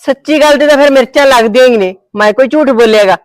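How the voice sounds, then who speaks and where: A woman's voice: sits high, quick pace, dry recording, natural voice. A woman playing a scolding mother-in-law who taunts her daughter-in-law. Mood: taunting. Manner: taunting, sarcastic. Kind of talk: amateur short-film acting.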